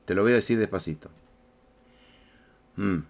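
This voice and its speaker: A man's voice: lowish voice, normal speed. A man preaching a sermon in a Rioplatense Spanish accent, talking straight to the congregation and often repeating his words. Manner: conversational, repeats words, speaks directly to listeners. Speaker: pastor.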